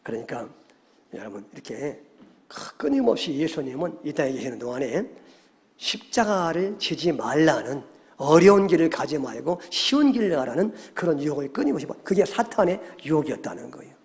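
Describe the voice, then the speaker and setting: A male pastor preaching a Sunday sermon, animated, often checking in with the congregation and acting out quoted voices. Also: fairly high pitch, brisk. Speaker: senior pastor. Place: church sanctuary. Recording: long church hall reverb.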